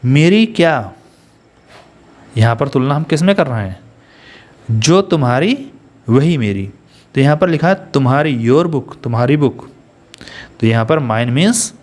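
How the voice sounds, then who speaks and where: Indian guy teaching english grammar, goes step by step, keeps asking the class questions. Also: mid-range voice. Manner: explains step by step, asks students questions. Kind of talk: Hindi-English grammar lesson.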